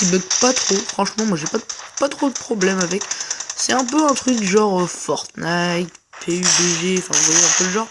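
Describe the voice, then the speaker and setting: A woman's voice: mid-range voice, very noisy. A woman hosting a gaming video in casual commentary, chatty and rambling, often repeating herself. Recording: music playing behind the voice.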